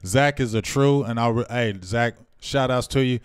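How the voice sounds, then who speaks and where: A man's voice: normal speed, clear, resonant tone, dry recording, clean studio sound. A man in his forties hosting a live game watch party, chatting casually and breaking into laughs and whoops. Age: 40s. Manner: animated, laughing, bursts into high whoops. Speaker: show host.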